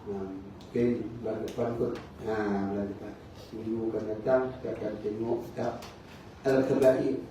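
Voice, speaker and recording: Fairly low and dark, with little pitch movement and a moderate pace, this male voice belongs to a Malaysian Malay preacher from Negeri Sembilan. He narrates stories in a mosque hall lecture, performing the dialogue and prompting the audience with "kan?". It was captured from afar in an echoey room, sounding dull with slight background noise.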